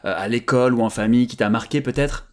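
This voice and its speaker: A man's voice: mid-range voice, fast talker. A man hosting an interview for his channel, asking curious, polite questions in long, well-formed sentences. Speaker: YouTube channel host interviewing a guest.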